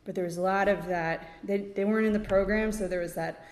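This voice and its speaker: A woman from Connecticut giving her personal recovery story at a meeting, halting and full of fillers, with small laughs. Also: mid-range voice, fairly even intonation. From Connecticut, USA. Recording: echoey hall with long reverb.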